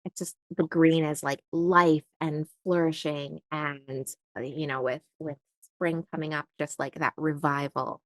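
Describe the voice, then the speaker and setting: A woman's voice: low-pitched, fairly even intonation, unhurried, dry recording. A young woman chatting casually while unboxing stationery and thinking aloud with lots of fillers. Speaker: stationery vlogger.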